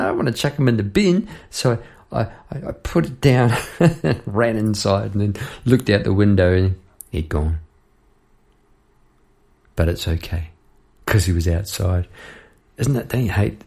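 A New Zealand podcast host and songwriter spins a yarn in a casual storytelling monologue. His gravelly voice is fairly low and darkish, and he rambles chattily, laughing between lines.

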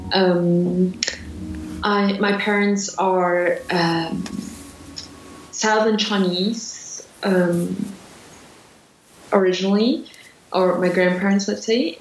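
A woman from Switzerland, a dancer, answering interview questions reflectively, pausing often with fillers and restarts. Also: mid-range voice, darkish tone. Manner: hesitant, many fillers and restarts. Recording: roomy, distant from the mic.

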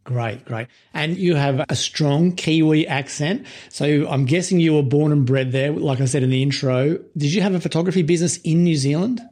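A man hosts a podcast interview in a conversational way. His voice sits a little high for a man, with a soft, dark-edged, mellow tone. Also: moderate pace, few pauses.

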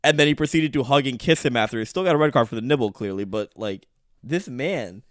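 A man's voice: mid-range voice, animated, fast talker, dry recording, studio quality. A man co-hosting a casual soccer podcast, telling stories with a laugh. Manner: storytelling, laughing. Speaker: podcast co-host. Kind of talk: casual chat.

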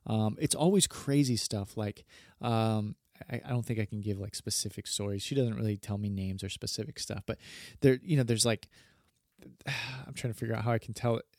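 A man's voice: on the low side, moderate pace, darkish tone, dry recording, clean studio sound. A man in his thirties, a pastor hosting a podcast, talking casually in a rambling, earnest way and often correcting himself. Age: 30s.

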